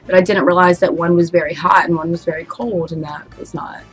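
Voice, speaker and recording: Low-pitched young American woman chatting. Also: steady tone, a little fast, soft background music, rough recording. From United States. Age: young adult. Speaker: vlogger answering an ex's questions. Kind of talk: casual chat.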